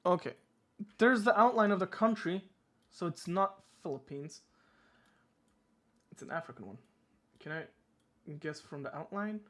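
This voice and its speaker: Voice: mid-range voice, lively intonation, a little slow, long pauses, fairly bright tone. A streamer from Switzerland, chatting casually and thinking aloud while playing, joking and swearing as they guess. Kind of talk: casual gaming stream chat.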